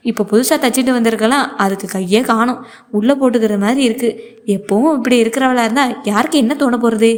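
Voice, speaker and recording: Woman narrator doing an anxious older mother, complaining storybook monologue, slightly high voice. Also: fast, lightly acted. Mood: anxious lament. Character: worried older mother lamenting her daughter.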